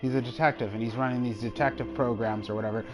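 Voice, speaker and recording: A man's voice: mid-range voice, fairly even intonation, quick pace, music in the background, poor audio. A young man streaming a game, chatting in a rambling, casual way and laughing often. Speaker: live streamer. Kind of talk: casual chat while gaming.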